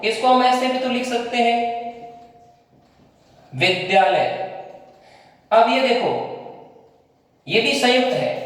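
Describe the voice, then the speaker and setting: A man teaching a classroom lesson, asking questions and answering them himself, repeating words slowly to show how they are pronounced. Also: extremely high pitch. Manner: asks and answers own questions; drawn-out repetition of words for pronunciation. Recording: echoey hall, far from mic.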